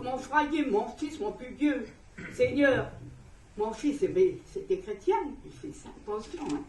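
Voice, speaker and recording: A woman's voice: fairly high pitch, far from the mic. Emotional woman giving testimony, echoey. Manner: emotional, rambling, laughs often while telling. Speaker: church member giving testimony. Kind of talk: spoken religious testimony. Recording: echoey room, voice from afar.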